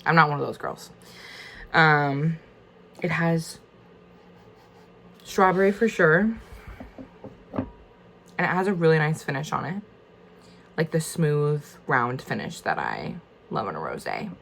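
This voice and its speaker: Woman, low voice, casual tasting host, informal and thinking aloud, slight background noise. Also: very animated, a little slow, creaky, long pauses, fairly bright tone. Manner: informal, tentative, thinking aloud with frequent 'like'. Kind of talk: casual chatty wine tasting.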